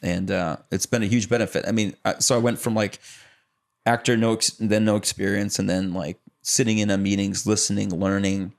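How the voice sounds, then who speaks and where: A young adult man from the Chicago area, an actor and producer telling his story as a podcast guest in relaxed, rambling chat full of fillers. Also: lowish voice, a little fast, creaky. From Chicago area, United States. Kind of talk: casual conversational storytelling.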